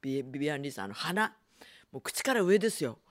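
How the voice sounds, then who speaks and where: Low-voiced woman radio host, chatty and lively. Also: fast. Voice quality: low natural speaking voice. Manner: chatty, self-deprecating, laughs often. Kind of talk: casual late-night radio chat reading listener letters.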